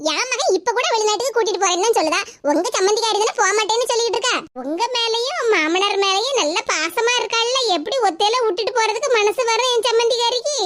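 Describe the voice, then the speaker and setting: A woman's voice: very high-pitched, quick pace, background noise. A woman voicing a chatty older mother-in-law in a cartoon, with a Kanyakumari Tamil accent. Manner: chatty, reassuring.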